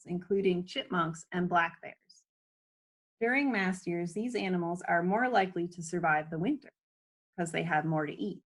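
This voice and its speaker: At home, a woman with a lowish voice reads a children's book aloud unhurriedly, adding casual asides to explain things along the way.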